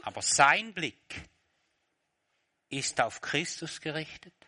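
A man preaching a sermon, swinging from quiet reflection to loud, dramatic retellings. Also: a little high, sing-song, slow pace.

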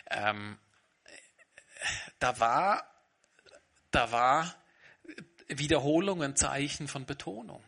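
A man's voice: mid-range voice, sharp tone. A man preaching a sermon, talking earnestly and straight to his congregation. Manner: earnest, addresses congregation directly. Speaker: pastor.

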